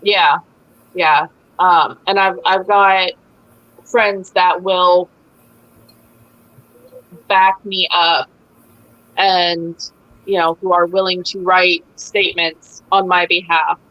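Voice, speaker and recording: A young mother talking as a guest over a video call, hesitant and emotional, with many pauses and "um"s. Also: on the low side, flat delivery, muffled recording. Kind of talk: casual interview talk.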